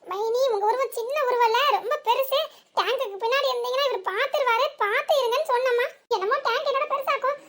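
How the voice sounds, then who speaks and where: Cartoon village wife, southern Tamil Nadu accent, very high and quick, teasing and gossipy, a woman voicing her, over a noisy background. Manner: fast gossipy asides muttered to herself. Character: chatty young village wife, sly and teasing. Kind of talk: comic cartoon voice acting.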